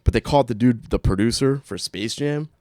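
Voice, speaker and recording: A man's voice: medium pitch, a little fast, a little mellow, dry recording, clean studio sound. A young man co-hosting a podcast, chatting casually, rambling and swearing, often trailing off mid-sentence. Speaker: podcast co-host. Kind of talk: casual chat.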